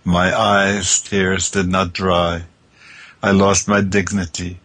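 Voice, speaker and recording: Man, deep and husky, for a mournful, unhurried poem reading. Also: little pitch movement, fairly bright tone. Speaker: poetry reader. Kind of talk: solemn poetry recitation.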